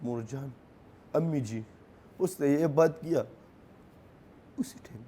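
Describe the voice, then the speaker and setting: A young grieving man from Khyber Pakhtunkhwa, Pakistan, a native Pashto speaker with a Pashto accent, recounts events in an interview using halting, broken phrases that repeat. His voice is a little high and mellow, with slight background noise.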